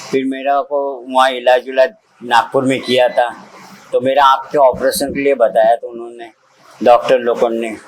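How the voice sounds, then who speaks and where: An older man from central India, an old age home resident, telling his own life story in a halting, simple way with many repetitions. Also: mid-range voice, poor audio. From Nagpur, India. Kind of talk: personal testimony in an interview.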